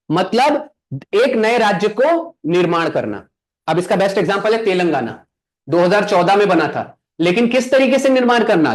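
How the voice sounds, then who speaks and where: A young man teaching an exam coaching lesson, asking the class questions and answering them himself, slowing down to spell out English terms. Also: high voice. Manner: quizzing students with rhetorical questions, answering himself.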